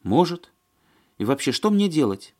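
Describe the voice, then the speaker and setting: Guy putting on a fussy worried lady from an audiobook, whiny and chattery, voice pushed up high. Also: sing-song, normal speed, warm tone. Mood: agitated. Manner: agitated, chattering, plaintive. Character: fussy, flustered grown woman, talkative and complaining. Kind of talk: audiobook character voice.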